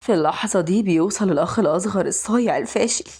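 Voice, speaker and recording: Brisk, husky Egyptian woman narrator. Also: on the low side, darkish tone. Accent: Egyptian Arabic. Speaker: drama recap narrator. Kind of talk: fast drama recap narration.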